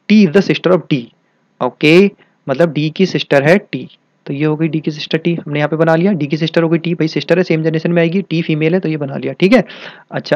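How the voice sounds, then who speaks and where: Young man, Hindi teacher, slightly high voice, repeats each step, dry close sound. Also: darkish tone, no echo. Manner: repetitive, checks often if students follow. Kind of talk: explaining a reasoning problem step by step.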